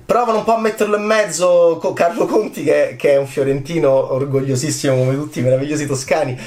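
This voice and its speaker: A man, a film critic, giving casual commentary on an awards night, rambling and enthusiastic, moving from soft asides to excited high bursts. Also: fast talker, reverberant.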